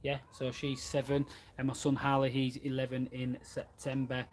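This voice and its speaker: A man's voice: mid-range voice, completely flat delivery, normal speed, slight background noise. A man, chatting casually about running his plumbing business in a live question and answer from his van. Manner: chatty and plain-spoken, reads out viewer comments. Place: inside a van.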